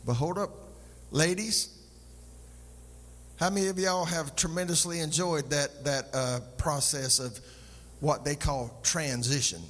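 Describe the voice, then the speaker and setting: A man's voice: on the high side, steady tone, measured pace, pauses often, a bit bright, long reverb tail. A male pastor preaching a sermon, calling out to the congregation for response and sliding into a sung, rhythmic cadence. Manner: call-and-response, sing-song preaching cadence.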